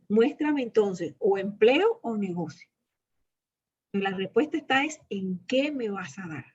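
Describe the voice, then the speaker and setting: A woman's voice: mid-range voice, darkish tone, slightly rough, dull audio. A woman leading an interactive Bible lesson on prayer, coaching her students emphatically and repeating key phrases. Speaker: prayer teacher.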